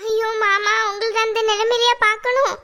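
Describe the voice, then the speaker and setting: A woman voicing a scheming, sharp-tongued older female relative who whines and accuses the family. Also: very high voice, little pitch movement, brisk. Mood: whiny, accusing. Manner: whiny and accusing, melodramatic.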